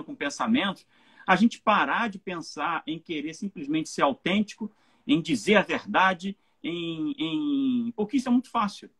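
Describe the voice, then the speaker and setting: A man's voice: on the high side, a bit bright, slightly rough. A Brazilian man, a pastor, giving an informal Bible teaching on a live stream and often checking in with his listeners. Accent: Brazilian Portuguese. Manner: informal, keeps checking in with tag questions.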